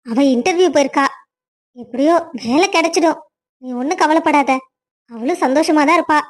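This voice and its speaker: A woman voicing a middle-aged aunt in a cartoon family story, sharp and commanding with a teasing edge. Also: high voice, brisk, lightly acted. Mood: bossy.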